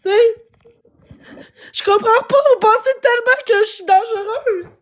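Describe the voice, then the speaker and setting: Woman, Québécois accent, extremely high pitch, hoarse, agitated pleading live-stream rant. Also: moderate pace. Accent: Québécois French. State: hoarse, voice worn out. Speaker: livestreamer. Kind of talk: emotional live-stream venting.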